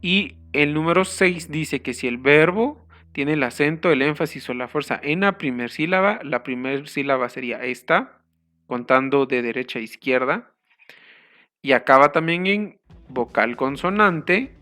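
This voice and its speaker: A man teaching an English grammar lesson, explaining the rules slowly and carefully and spelling out the letters. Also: on the high side, lively intonation, sharp tone.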